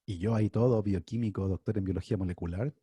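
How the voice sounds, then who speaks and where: Brief: middle-aged Chilean man, dark husky voice, animated storyteller, dry close sound. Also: fairly low pitch, fast talker, no echo. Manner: lively, anecdotal, voices his own quoted lines. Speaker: invited speaker, scientist and author. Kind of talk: casual storytelling talk.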